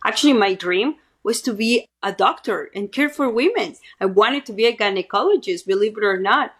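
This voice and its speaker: A woman's voice: medium pitch, animated, normal speed, a bit bright, husky. A middle-aged woman from Mexico City with a Mexican Spanish accent, giving a talkative interview testimony and often tagging on "right?". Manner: talkative, keeps adding "right?". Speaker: guest speaker and activist.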